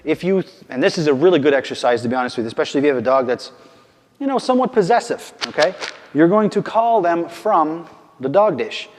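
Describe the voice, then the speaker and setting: A man's voice: fairly high pitch, lively intonation, fast talker. Man teaching dog training, reverberant room. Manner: casual, keeps asking "okay?" and "right?"; firm short commands to the dog. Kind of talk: instructional demonstration.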